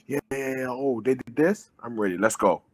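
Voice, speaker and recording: A man's voice: medium pitch, moderate pace, a little mellow, no echo. A man, talking loosely over a video call as an interview guest, with plenty of fillers and swearing. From born in Jamaica, raised in Brooklyn. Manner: loose, conversational, swears freely, many fillers. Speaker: guest, army veteran and pro boxer. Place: living room indoors. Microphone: webcam with earbuds.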